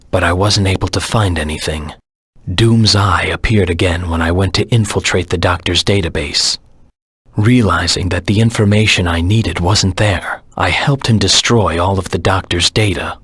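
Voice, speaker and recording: A dark video game antihero, brooding and grimly determined. The voice is low and very husky, with a gravelly rasp. He delivers terse, grave lines with menace, in a dry, close studio sound. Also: no room sound, exaggerated voice. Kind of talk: dramatic video game voice acting, scripted monologue.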